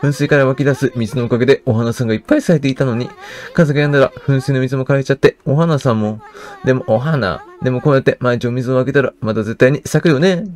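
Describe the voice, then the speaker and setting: A man reading aloud a gentle little girl who waters a withered flowerbed in a video game, soft and hopeful. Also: mid-range voice, fast, pitched above the performer's own voice, natural voice.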